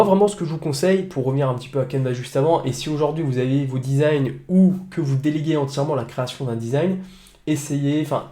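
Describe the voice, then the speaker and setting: A young man talks viewers through a software tutorial from his home office, pausing often with fillers and restarting his sentences. His voice is mellow and relaxed, at a mid pitch. The recording has a roomy, echoey sound. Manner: hesitant, many fillers and restarts. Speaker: online business tutor. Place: home office with a noisy computer.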